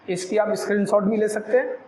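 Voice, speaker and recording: A man teaching a Hindi lesson, slowly drilling syllables aloud and repeating each point for his students. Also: high-pitched, steady tone, a little mellow, echoey room, a little hiss or hum, rough recording. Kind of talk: classroom lecture.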